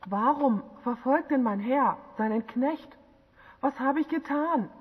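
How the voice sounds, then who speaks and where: A woman's voice: high voice, a little slow, breathy edge, pitched above the performer's own voice. A woman reading the lines of a young male warrior in an audiobook, earnest and pleading. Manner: earnest pleading read-aloud dialogue. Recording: dull lo-fi with long reverb.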